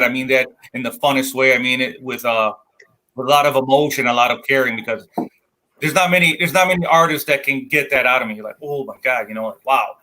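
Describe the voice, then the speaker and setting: A man's voice: medium pitch, sharp tone. A man with a Wisconsin accent on a comics panel, talking in a stern, matter-of-fact way and often restarting his sentences. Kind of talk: casual panel chat.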